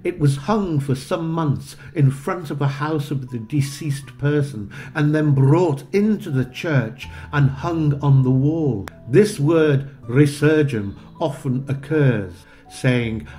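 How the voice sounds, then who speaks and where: A man gives a slow, unhurried tour of an old stone church, explaining each feature patiently. His voice is mellow and relaxed, and it rings in a roomy space while soft guitar music plays faintly behind him. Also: medium pitch. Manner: measured, explanatory, gently enthusiastic. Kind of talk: unhurried documentary narration.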